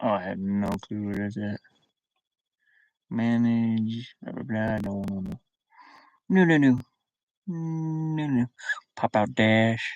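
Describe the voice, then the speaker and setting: A middle-aged man streams live from inside a van using a webcam mic, chatting loosely with viewers and muttering to himself in fragmented phrases. His mid-range voice is a little bright. The recording is rough, with no room sound.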